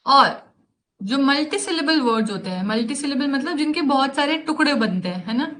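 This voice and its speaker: A woman's voice: sits high, animated, a bit bright, low-quality recording. A woman with an Indian accent teaching English grammar in a live online class, explaining in a teasing way. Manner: explains in Hindi mixed with English, slow and teasing.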